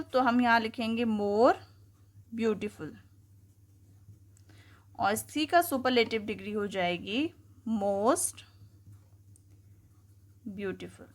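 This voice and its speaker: A woman teaching grammar, asking questions and answering them herself. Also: a little high. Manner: explains slowly, asking and answering her own questions. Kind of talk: classroom-style lesson.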